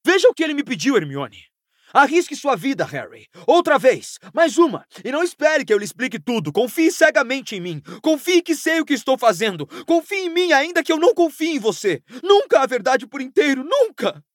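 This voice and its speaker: A man's voice: mid-range voice, expressive, brisk, no room sound, studio quality, natural voice. A Brazilian man reading an audiobook, voicing a bitter, angry teenage wizard boy who raises his voice in outbursts. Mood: furious. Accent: Brazilian Portuguese. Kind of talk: audiobook character voice.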